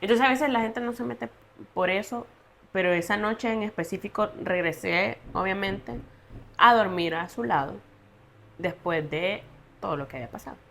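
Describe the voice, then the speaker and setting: A young woman, telling her personal story as a podcast guest in an earnest, halting way. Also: mid-range voice, creaky, fairly bright tone, a little hiss or hum. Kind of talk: personal testimony in a podcast interview.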